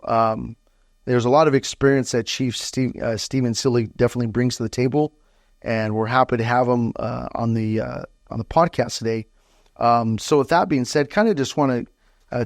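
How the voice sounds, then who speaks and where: A man's voice: mid-range voice, no room sound, clean studio sound. Rambling male podcast host. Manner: rambling questions with many fillers. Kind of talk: interview podcast.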